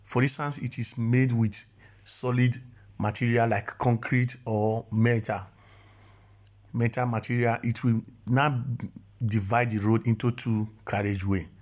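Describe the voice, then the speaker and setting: In an explanatory voice-over lesson, a man who teaches driving goes over the rules in a medium-pitched, darkish, level voice at a measured pace. He keeps restarting, stammering as he does, and is repetitive and self-correcting.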